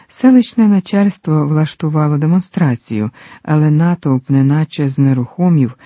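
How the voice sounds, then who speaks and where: Dark-voiced male audiobook narrator. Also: a little high, husky, no echo. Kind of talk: scripted narration. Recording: dull dry audiobook recording.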